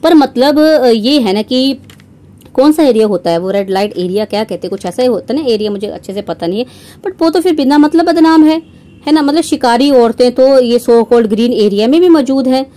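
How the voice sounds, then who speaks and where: Young woman ranting sarcastically to her viewers, highish mellow voice. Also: moderate pace. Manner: mocking, sarcastic, frequent "है ना?" tag questions. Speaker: reaction vlogger. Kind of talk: scornful commentary to viewers.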